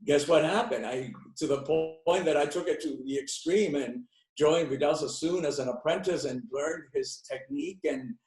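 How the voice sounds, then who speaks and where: A man's voice: a little high, normal speed, hardly any pauses, a little mellow. Older man, roomy echo. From Cuba. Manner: rambling anecdotes with many fillers and restarts. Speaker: interview guest, beauty expert. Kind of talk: storytelling interview answers.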